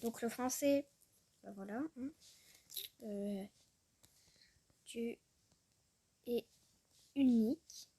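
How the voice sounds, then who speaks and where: A young woman chatting casually as a vlogger, trailing off often, giggling, and sounding out foreign words haltingly. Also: fairly high pitch, mellow, husky. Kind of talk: casual screen-recorded chat.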